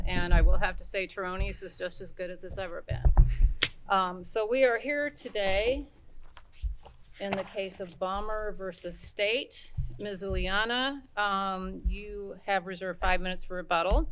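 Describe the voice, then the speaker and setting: A woman's voice: mid-range voice, background noise. A woman speaking informally from the bench as presiding judge, addressing counsel in a courtroom.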